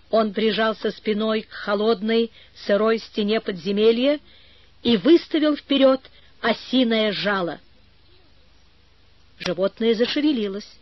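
Slow, measured woman storyteller. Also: on the high side, dry recording, highs cut off. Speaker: narrator. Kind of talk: audiobook reading.

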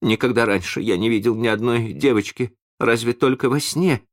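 A man voicing a timid, guilt-ridden lost boy in a storybook, with a soft, earnest boyish voice. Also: medium pitch, moderate pace, pitched above the performer's own voice, close to an everyday voice. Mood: sad, earnest.

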